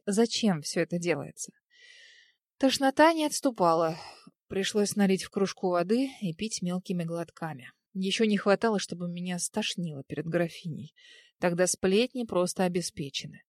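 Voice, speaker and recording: A woman reading a first-person storybook narration in a lively, emotional way. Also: mid-range voice, dry recording, studio quality. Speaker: audiobook narrator.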